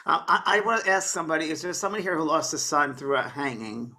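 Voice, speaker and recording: A man's voice: fairly high pitch, lively intonation, fast talker, pushed and bright. A man working as a psychic medium, giving earnest, coaxing readings to audience members and calling them honey and baby.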